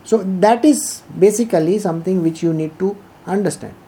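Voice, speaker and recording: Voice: medium pitch, moderate pace, dark tone. A spiritual teacher from India with an Indian accent, reading scripture and explaining it informally in a didactic way, repeating phrases for emphasis.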